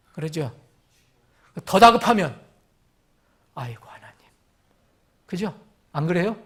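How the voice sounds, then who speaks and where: A male pastor preaching an afternoon sermon, acting out cries and asking the congregation questions. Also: sits high. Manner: animated, acts out quoted cries, asks the congregation questions.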